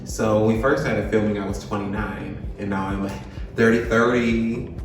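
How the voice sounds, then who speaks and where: Low-ish voice guy, 30, earnest, echoey room with faint music under. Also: fairly even intonation, normal speed. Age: 30s. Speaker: tennis instructor. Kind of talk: casual self-introduction. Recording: echoey room, distant mic.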